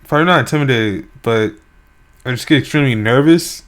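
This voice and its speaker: A young man chats casually on a nighttime live stream about the game he's developing. His medium-pitched voice is brisk and fairly bright but a bit worn from sleepiness, and he rambles, hesitating and using many fillers.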